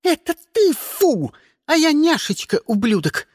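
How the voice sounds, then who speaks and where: A reader voicing a shrill, vicious young cat-girl woman who screeches insults in a storybook reading. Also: big pitch swings, measured pace, a little mellow, dry recording, studio quality. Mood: spiteful.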